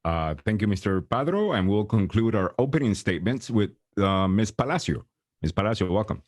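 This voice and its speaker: A man's voice: fairly low pitch, very animated, darkish tone. A male moderator formally introducing candidates and reading out questions at a forum. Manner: measured, formal.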